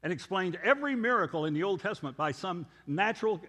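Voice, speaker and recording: A man delivers a sermon-style lecture in a conversational, storytelling way, pausing on rhetorical questions. His voice sits fairly high and moves through a wide, animated pitch range. The sound carries a long reverb, as if recorded in a large hall. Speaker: preacher.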